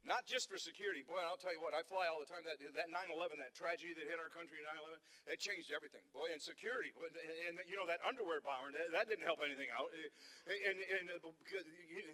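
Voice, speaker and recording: High, bright-voiced rambling male comedian. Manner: rambling storyteller with stammering restarts. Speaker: stand-up comedian. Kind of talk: stand-up comedy routine. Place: theater stage.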